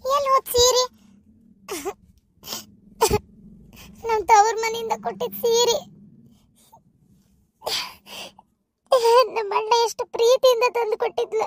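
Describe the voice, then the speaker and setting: A woman's voice: extremely high pitch, dry recording, clean studio sound. A woman voicing an anxious, tearful young village wife with a North Karnataka accent who frets and whines. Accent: North Karnataka Kannada. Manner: whining, worried, tearful.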